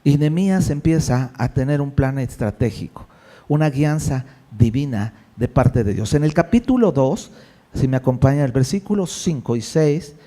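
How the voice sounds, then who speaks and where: A male pastor preaching a sermon in a lively, conversational way, with jokes and rhetorical questions. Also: medium pitch, normal speed.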